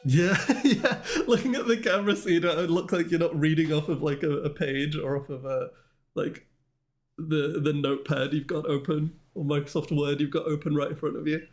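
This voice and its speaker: A man's voice: on the high side, fairly even intonation, normal speed. Self-deprecating male streamer chatting casually. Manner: rambling and self-deprecating, answering chat. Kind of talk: casual livestream chat with viewers.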